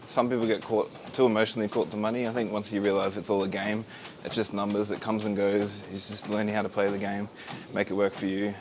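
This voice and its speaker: Quick, lowish-voiced man talking on a treadmill. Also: completely flat delivery. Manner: talking while exercising on a treadmill. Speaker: company founder. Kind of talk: casual interview chat. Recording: faint ambient background noise.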